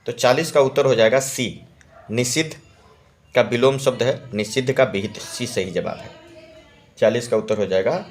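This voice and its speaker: Working answer by answer through a practice test, a male Hindi exam-prep teacher speaks at normal speed in a middle pitch. He keeps repeating key words and checking that his audience is following along.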